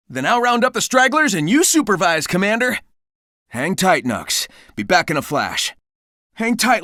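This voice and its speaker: Sonic-style video game hero, a young hedgehog speedster who is cocky and upbeat. His pitch sits a little high and swoops around freely. The delivery is breezy and confident, full of wisecracks, on a dry, close recording. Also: a bit bright, no room sound, exaggerated voice. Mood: teasing, upbeat. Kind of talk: animated video game dialogue.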